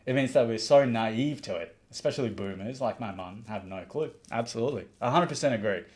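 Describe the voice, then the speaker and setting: A Maldivian man hosts a livestream in a medium-pitched, slightly mellow voice, speaking a little fast. He gives earnest, opinionated commentary and reads viewer comments aloud, often restarting his sentences.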